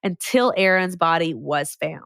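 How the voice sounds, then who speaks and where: A woman's voice: fairly low pitch, unhurried, gravelly, a bit bright, smooth, dry recording. Chatty slangy woman, dry close sound. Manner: chatty, slangy, sarcastic asides. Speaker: podcast co-host. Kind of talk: casual true-crime chat.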